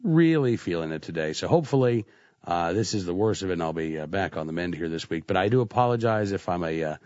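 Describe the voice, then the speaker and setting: A man with a deep, darkish voice talks fast with lively intonation while hosting a talk radio show, congested with a stuffy cold. He speaks conversationally with frequent "uh" fillers into a studio microphone in a radio studio, and the recording has no echo, with the highs cut off.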